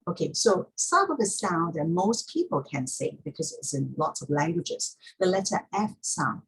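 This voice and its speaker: A woman's voice: on the low side, sing-song, normal speed, breathy edge, poor audio. A woman teaching pronunciation step by step in an instructional talk, repeating key points for emphasis.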